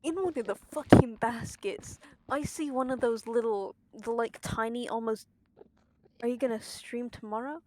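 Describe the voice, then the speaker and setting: Streaming a game, a young British woman chats in a rambling, sweary, exclamatory way, her lisp slurring her s sounds. Her voice is a little high and warm at a moderate pace, and the recording is rough.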